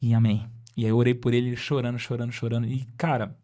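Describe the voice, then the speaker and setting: A young man, casually telling an evangelism testimony in an animated, slangy way. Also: mid-range voice, quick pace. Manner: animated, peppers speech with slangy address to listeners.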